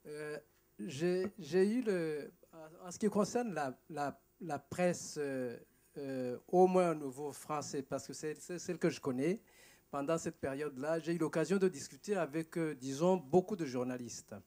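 A man's voice: on the high side, a little slow, dark tone. Rwandan man speaking up from an audience. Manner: hesitant start, growing emphatic when recounting an argument. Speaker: audience member asking a question. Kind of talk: spontaneous remarks from the floor. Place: large auditorium, seated in audience. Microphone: handheld microphone.

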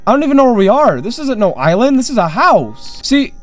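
A man's voice: very high voice, big pitch swings, fairly quick, soft background music. A man hosting a horror game let's play, confused and jumpy, talking to himself as he plays. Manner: jumpy, confused, talks to himself while playing. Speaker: gaming channel host.

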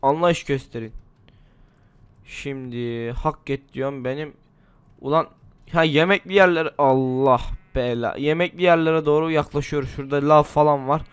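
Guy rambling through a survival game, kinda sick, smooth clear voice, dry close mic. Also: on the high side, no room sound. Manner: chatty, rambling, talks to himself while playing. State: slightly ill. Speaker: gaming channel host. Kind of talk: casual gameplay commentary.

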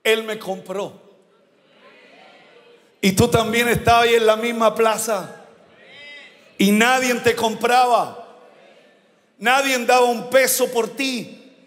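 High-voiced pastor preaching passionately. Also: male voice, steady tone. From Chile. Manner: impassioned preaching, shouting and slowing for emphasis. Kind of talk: sermon, personal testimony. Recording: long echo of a large hall.

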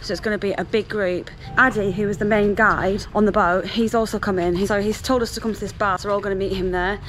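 A woman's voice: medium pitch, steady tone, fast, rough recording. A woman, chatting upbeat to a camera held at arm's length while out at night. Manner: chatty, upbeat, laughs often. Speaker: travel vlogger. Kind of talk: casual vlog narration to camera. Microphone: handheld camera at arm's length. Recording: loud music behind. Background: party music.

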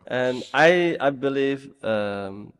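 A middle-aged man from Bangladesh, a Buddhist monk hosting an interview chat, gentle and halting with many pauses and frequent laughs. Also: mid-range voice, expressive, smooth. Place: large temple hall indoors. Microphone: desk mic on stand. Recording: long hall reverb.

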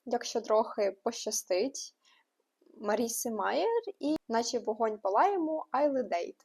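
A young woman hosting a book news vlog, running through new releases with quick asides and frank opinions. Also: on the high side, lively intonation, creaky, darkish tone, husky. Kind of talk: casual book news roundup.

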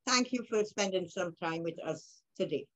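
A woman's voice: fairly low pitch, normal speed. A woman in her sixties with a Vincentian accent, talking conversationally about herself as an interview guest. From Saint Vincent and the Grenadines. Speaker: guest, poet and author. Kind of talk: conversational autobiographical interview answer. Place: room at home indoors. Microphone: video call.

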